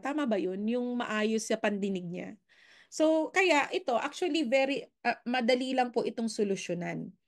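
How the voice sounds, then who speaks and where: A woman from the Philippines giving a casual sales coaching talk that mixes Filipino and English, often checking in with her listeners through quick tag questions. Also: a little high.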